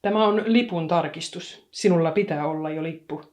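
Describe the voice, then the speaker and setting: A woman's voice: low voice, a little mellow, natural voice. A woman voicing a fussy, officious male train conductor who stammers and huffs in an official voice. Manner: stammering, huffy, official-sounding.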